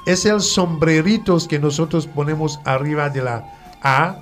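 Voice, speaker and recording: A man teaching French pronunciation in a lesson, repeating and spelling out words slowly for the listener. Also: fairly high pitch, fairly even intonation, faint music behind. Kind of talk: language lesson.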